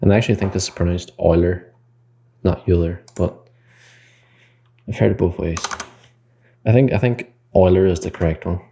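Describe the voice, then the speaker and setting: A man's voice: deep voice, a little fast, gravelly, pauses often, noisy background. A man teaching game development in a screen-recorded coding tutorial. He explains the code step by step, thinks aloud and corrects himself mid-sentence.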